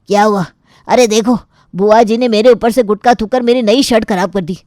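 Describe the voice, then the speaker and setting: A woman's voice: on the high side, moderate pace, darkish tone, dry recording, studio quality, lightly acted. A woman voicing an irritated middle-aged neighbor man who questions everything with indignant suspicion.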